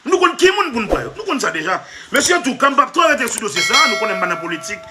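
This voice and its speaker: A man's voice: sits high, big pitch swings, rapid-fire, pushed and bright, a little hiss or hum. A man giving a comic monologue, emphatic and repetitive, often half-laughing as he talks. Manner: emphatic, repetitive, keeps addressing "monsieur". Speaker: comedy vlogger.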